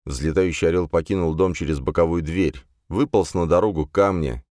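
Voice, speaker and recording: Male narrator for a novel, very deep voice, dry close sound, measured delivery. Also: darkish tone, no room sound. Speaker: audiobook narrator. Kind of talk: scripted narration.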